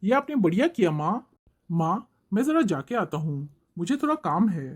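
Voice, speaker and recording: A woman's voice: fairly low pitch, big pitch swings, moderate pace, noisy background. A woman voicing a mild, evasive young husband who replies offhandedly, for a cartoon. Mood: sheepish.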